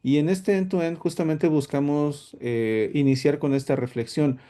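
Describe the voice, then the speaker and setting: His voice sits on the high side with a dark tone, fairly even intonation and a measured pace. He's a solutions architect hosting an online tech workshop, and his webinar delivery is hesitant, with many fillers and restarts.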